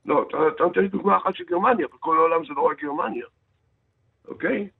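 A man's voice: high voice, vocal fry, slightly rough. Insistent Israeli man on a tinny phone line. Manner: insistent, repeats words and phrases. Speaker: sports official, interview guest. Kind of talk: live radio interview, arguing his case.

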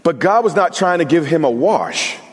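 A man's voice: fairly high pitch, expressive, moderate pace, long reverb tail. A male pastor preaching an emphatic sermon, talking straight to his congregation with humorous asides.

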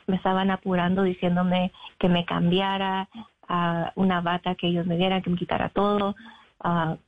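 Young adult woman from Mexico, an interview guest on the phone, halting and filler-heavy, with a low, flat delivery. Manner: halting, with many fillers and English words mixed in. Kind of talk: personal account in an interview. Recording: phone line.

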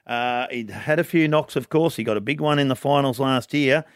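A man's voice: medium pitch, normal speed, clean tone, no room sound, clean studio sound. A man with a broad Australian accent hosting sports radio, giving news in a blunt, colloquial way and repeating phrases for emphasis. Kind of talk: sports news report with casual banter.

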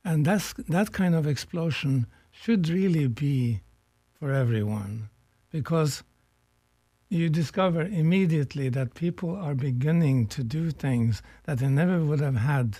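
Older Norwegian-born man, thoughtful and mellow. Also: a little high, animated, dry recording. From Norway. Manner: reflective, slow and searching with pauses. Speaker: guest, economics professor emeritus. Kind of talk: radio conversation.

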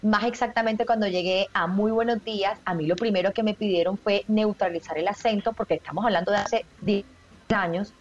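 A woman's voice: mid-range voice, steady tone, a little fast, highs cut off, soft background music. A woman with a Colombian coastal accent, a radio co-host asking direct, friendly questions in casual chat. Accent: Colombian coastal Spanish. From Colombian Caribbean coast.

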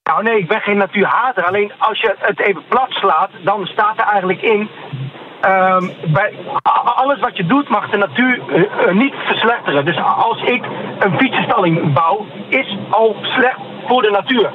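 Male radio caller over the phone, high-pitched, indignant, stumbles and restarts. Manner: halting, restarts words, indignant. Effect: phone line. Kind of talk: calling in to a radio debate. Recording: tinny phone line with faint noise.

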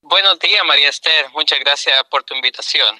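Chilean man explaining in a bright voice. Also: a little high, a little fast, dry recording, poor audio. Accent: Chilean Spanish. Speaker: guest. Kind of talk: interview answers.

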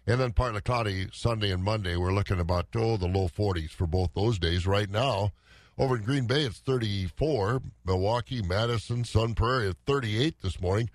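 A man's voice: on the low side, normal speed, no echo. A man, a morning radio host reading weather and market prices in conversational, clipped phrases.

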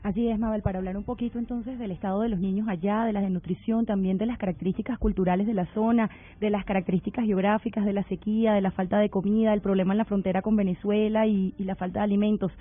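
A woman co-hosting a radio talk show, rattling off points briskly. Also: mid-range voice, steady tone. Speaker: radio co-host. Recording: narrow phone-like radio sound.

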